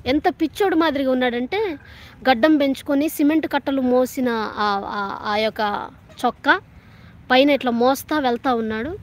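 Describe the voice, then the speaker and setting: A woman evangelist from Telangana, India, about thirty years old, shares her personal religious testimony in a high voice. She speaks with earnest feeling at normal speed, leaving long pauses and often restarting phrases as she recalls the story.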